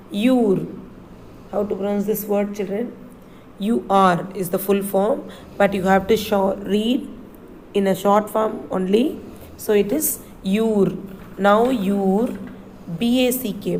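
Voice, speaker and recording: A woman teacher reading a story line by line to children, spelling words letter by letter and repeating them slowly. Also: medium pitch, a little mellow, slight background noise, low-quality recording.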